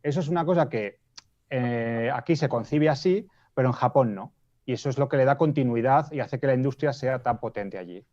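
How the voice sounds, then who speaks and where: A man from Spain with a Spanish accent, a panelist explaining his points in a casual discussion, often pausing to rephrase. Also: medium pitch, a little mellow. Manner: explanatory, restates points, frequent hesitations. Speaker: debate panelist. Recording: dull lo-fi audio.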